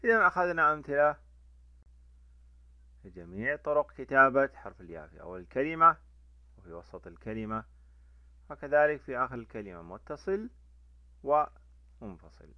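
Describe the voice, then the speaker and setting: A man teaching a letter lesson to children, drawing out each sound slowly and repeating it. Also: medium pitch, no room sound. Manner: lively, repeats sounds slowly for young learners. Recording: dull lo-fi dry recording.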